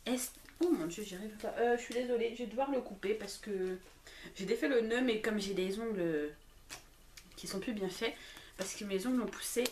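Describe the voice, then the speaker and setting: A young woman, a book blogger, chatting casually and gushing with excitement as she opens presents at home. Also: mid-range voice, moderate pace, a little hiss or hum. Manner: excitable, gushing, full of exclamations. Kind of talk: casual unboxing chat.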